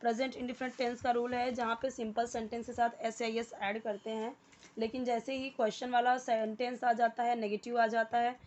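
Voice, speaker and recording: A woman with a fairly high voice teaches an English lesson, repeating words and slowly reading out and translating examples. She switches easily between Hindi and English. The recording sounds dull and muffled. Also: flat delivery, a little mellow.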